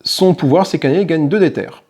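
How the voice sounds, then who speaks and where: A board game channel host casually walks through a solo tabletop playthrough, thinking aloud and making small self-corrections. His voice is fairly high-pitched with a darkish tone, and he speaks briskly.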